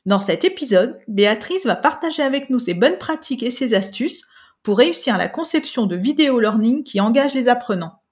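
A woman's voice: on the high side, animated, a little fast. A woman hosting a podcast interview, friendly, with filler hesitations when she asks questions. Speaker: podcast host.

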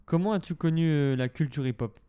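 Friendly podcast host. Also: male voice, fairly high pitch, fairly quick, dark tone, clear, resonant tone. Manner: friendly, encouraging with short backchannels. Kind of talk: podcast interview.

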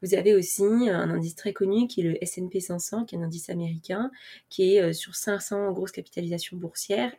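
A woman's voice: lowish voice, brisk, mellow, husky. A woman vlogger talking casually to her viewers and explaining things step by step, with many fillers and restarts and the odd laugh at herself. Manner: self-mocking, laughs at herself. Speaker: personal finance vlogger. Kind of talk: casual explanatory talk to camera.

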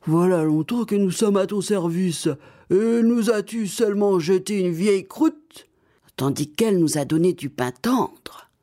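A woman's voice: mid-range voice, lively intonation, a little slow, dark tone, natural voice. A woman voicing two skinny hungry dogs who complain. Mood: aggrieved.

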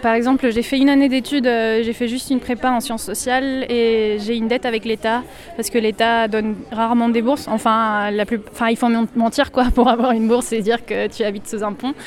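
A woman in her twenties from Chile, a graduate sociology student, speaking, earnest and pausing often in a street interview. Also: fairly high pitch, level tone. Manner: earnest, many pauses with fillers.

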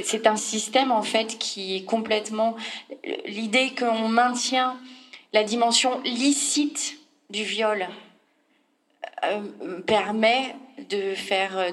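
A woman's voice: medium pitch, steady tone, takes it slowly, fairly bright tone. A woman panel speaker explaining her views emphatically in an unscripted political discussion.

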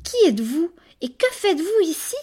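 A woman's voice: extremely high pitch, big pitch swings, moderate pace, warm tone, pitched above the performer's own voice. A woman voicing a stubborn, defiant little boy in a storybook reading, insistent and raised.

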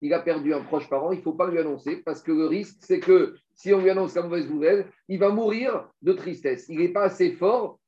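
Animated man teaching a Talmud class. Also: fairly high pitch, brisk, hardly any pauses. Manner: explains step by step, rhetorical questions, animated. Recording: dull lo-fi recording.

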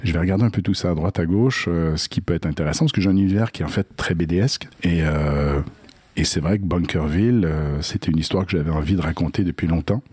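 Deep husky Québécois man. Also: darkish tone, dry recording. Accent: Québécois French. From Quebec. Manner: halting, many repeated words and fillers. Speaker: comic book scriptwriter, filmmaker. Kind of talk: casual interview.

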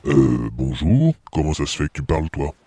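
A man's voice: rumbling low, big pitch swings, normal speed, warm tone, husky, dry recording, voice pushed down, full character voice. A man voicing a fussy male freshwater crocodile who worries about his scales in a children's story, drawling and hesitant. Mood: indignant.

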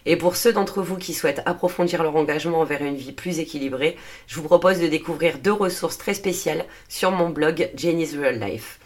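A woman's voice: deep voice, brisk. A woman hosting a solo podcast, explaining her subject earnestly, with frequent hesitations and self-corrections and a dry throat. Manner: earnest, steady delivery with frequent "euh" fillers and self-corrections. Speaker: podcast host and naturopathy coach.

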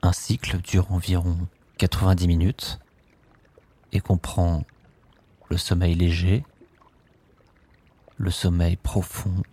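A man leading a guided sleep meditation, speaking softly and calmly in drawn-out phrases with long pauses. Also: deep voice, slightly rough. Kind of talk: slow guided relaxation script.

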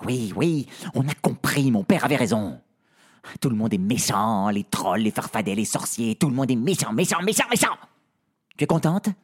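A man voicing a spoiled, bossy young princess in a storybook tale, snapping and shouting insults at everyone. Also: medium pitch, huge pitch swings, measured pace, husky, exaggerated voice. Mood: exasperated.

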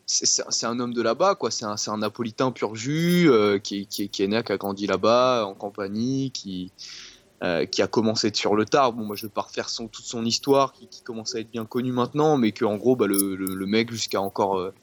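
A man's voice: fairly low pitch, a little fast. A man, a guest football specialist on a casual podcast, rambling and repeating words. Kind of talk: casual sports podcast chat.

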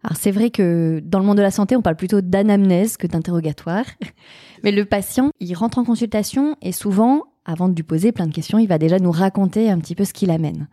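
A woman's voice: medium pitch, brisk, warm tone, no echo, clean studio sound. A woman chiropractor answering interview questions, explaining step by step and listing things methodically. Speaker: chiropractor guest.

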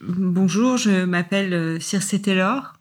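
A socially awkward guest at a party asks polite, halting questions, as a woman acts her out. She hesitates often and fills her pauses, but stays courteous and curious. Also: fairly low pitch. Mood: hesitant, curious. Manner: hesitant, with many fillers.

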